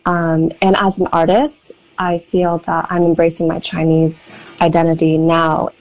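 A young woman with an American accent answering interview questions thoughtfully, pausing often with ums. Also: lowish voice, level tone, a little mellow, low-quality recording. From United States. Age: young adult. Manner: thoughtful, hesitant with frequent ums. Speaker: guest, painter and writer.

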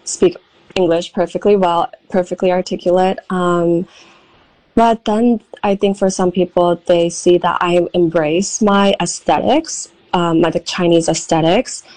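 A young American woman speaks in a somewhat low voice, weighing her words. She pauses often with soft ums as she answers interview questions. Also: steady tone, low-quality recording. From United States. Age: young adult. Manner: thoughtful, hesitant with frequent ums. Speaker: guest, painter and writer.

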